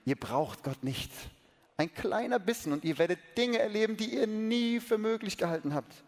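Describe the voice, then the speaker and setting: A man voicing a sly, cunning serpent that tempts in a low, hushed and slow voice, read from a children's storybook. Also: animated. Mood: coaxing whisper. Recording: long reverb of a large hall.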